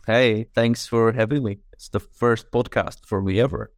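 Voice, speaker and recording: A young Czech filmmaker in his twenties, from the Czech Republic, is a guest on a podcast, chatting casually in a relaxed, thoughtful way. His voice is mid-range and his pace moderate, and he keeps adding fillers like "like" and "right?". The sound is clean studio audio with no echo.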